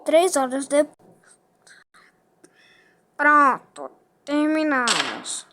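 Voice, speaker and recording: A high-voiced female speaker acting out a playful improvised story, doing several characters in turn. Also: very animated, very slow, heavy background noise.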